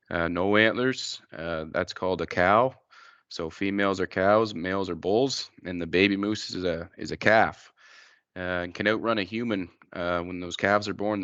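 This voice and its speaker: A man with a low, smooth voice gives an informal wildlife lesson as a presenter. His delivery is plain and halting, with very little rise and fall. The recording is slightly dull but dry. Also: a bit bright, no room sound. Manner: plain-spoken, halting, explanatory. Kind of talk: informal educational slide presentation to a group.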